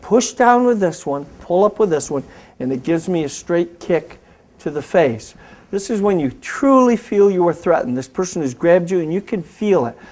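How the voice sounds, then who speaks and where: A man's voice: high-pitched, big pitch swings, moderate pace, darkish tone. Man coaching self-defense moves. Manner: coaching, giving step-by-step commands. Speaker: host and martial arts instructor. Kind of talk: instructional demonstration, talk show.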